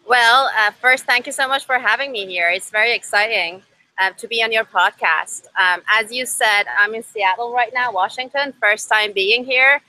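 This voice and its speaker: Speaking outdoors by a river over a video call, a young woman from Iran, a native Farsi speaker with an Iranian accent, tells her own story as a podcast guest and startup co-founder. Her voice is a little high, pushed, and bright, and the recording is rough.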